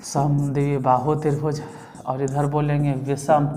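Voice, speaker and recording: A man teaching a maths class online in Bihari-accented Hindi, repeating definitions slowly for students to write down and quizzing them. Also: on the high side, little pitch movement, mellow.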